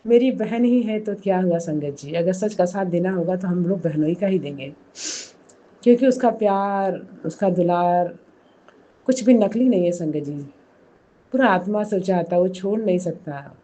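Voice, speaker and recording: A hoarse woman giving an emotional personal testimony, speaking slowly and softly in a pleading way. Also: on the low side, animated. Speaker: devotee sharing a testimony.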